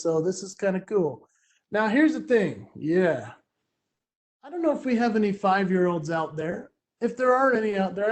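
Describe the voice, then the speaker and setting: High-voiced, energetic motivational speaker. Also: male voice. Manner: energetic, playful, expressive. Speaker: keynote speaker. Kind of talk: motivational keynote storytelling.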